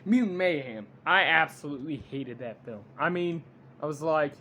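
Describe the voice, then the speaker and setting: A man giving an unscripted movie review rant, halting and blunt, with frequent restarts. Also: fairly high pitch, expressive, bright, forceful tone, slight background noise.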